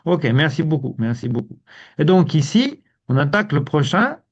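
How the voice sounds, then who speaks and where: Man, teacher, relaxed, many "ok", rather high voice, dull lo-fi sound. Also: moderate pace. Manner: relaxed, repeats words, many "ok" and "hein". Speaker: Tibetan language teacher. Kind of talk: live online lesson with students.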